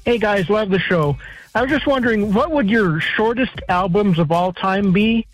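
A man's high voice on a phone voicemail. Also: normal speed, faint music behind. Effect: played from a voicemail over a phone line. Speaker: caller leaving a voicemail. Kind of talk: casual, joking message. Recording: distant voicemail phone playback.

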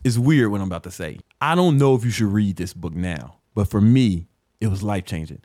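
A man in his thirties, hosting a casual talk ranking business books, swearing freely and telling stories with animated, self-mocking laughs. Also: lowish voice, a little fast, no echo, studio quality. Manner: profane, loose and streetwise; animated storyteller who laughs at himself.

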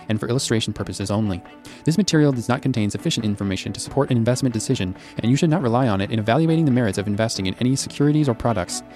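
A man reading a legal disclaimer in a rapid, flat delivery. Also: medium pitch. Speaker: disclaimer announcer.

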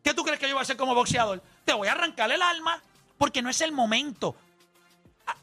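A man's voice: high voice, sharp tone. A man hosting a sports talk show, arguing his point through step-by-step examples in a casual chat. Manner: argumentative, explains with examples.

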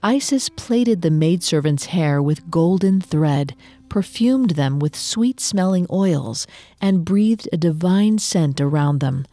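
Mellow-voiced woman narrating a myth. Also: fairly low pitch, animated, no echo. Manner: measured storytelling. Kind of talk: scripted narration of mythology.

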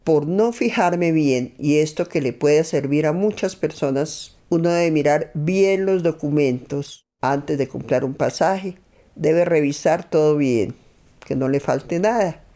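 With a warm, low voice, a middle-aged woman recounts a travel story as an interview guest. She speaks informally and with emphasis, performing the remembered dialogue as she goes.

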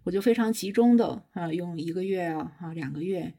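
A middle-aged woman professor, a podcast guest, explaining her habits in a measured, step-by-step way. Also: fairly low pitch, vocal fry, warm tone, slightly rough. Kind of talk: casual chat.

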